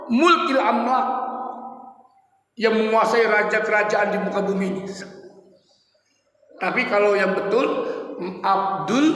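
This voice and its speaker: High-voiced preacher in an echoey hall. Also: male voice, gravelly, sharp tone. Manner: conversational, addresses congregation directly, repeats key words. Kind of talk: dawn religious study sermon. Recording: echoey hall with long reverb.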